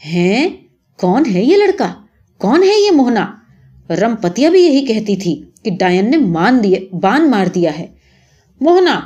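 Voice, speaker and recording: A woman voicing an old male village drummer, proud and easily wounded, who swings between gentle coaxing and sudden anger. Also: a little high, very animated, dull audio. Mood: startled.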